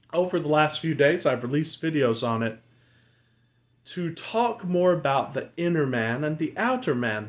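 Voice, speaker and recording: A man teaching breathwork and spirituality as a channel host, speaking in a slow, deliberate guru manner with pauses between short phrases. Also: mid-range voice. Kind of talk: guided breathwork and spiritual talk.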